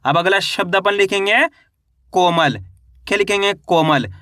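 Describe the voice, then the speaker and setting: A man's voice: high-pitched, unhurried, a bit bright, dry recording, studio quality. A man teaching Hindi reading, sounding out each word syllable by syllable and answering his own questions. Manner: repeats questions and answers himself.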